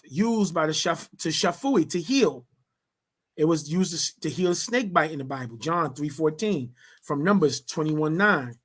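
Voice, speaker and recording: A reader works through a text aloud in a slow, deliberate delivery. The voice sits in a middle pitch. Each passage is followed by casual commentary that explains it. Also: a bit bright. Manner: reads passages, then explains them in casual speech. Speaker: reader leading a study session.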